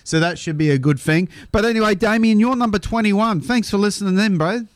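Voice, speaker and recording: A man's voice: sits high, a little fast. An Australian man co-hosting a radio show, chatting casually in a matey, slangy way.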